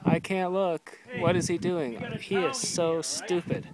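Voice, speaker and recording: A man's voice: high voice, a little slow, crowd noise, voice pushed up, poor audio. A man putting on the voice of a nervous, whiny young male friend, panicky and boastful by turns.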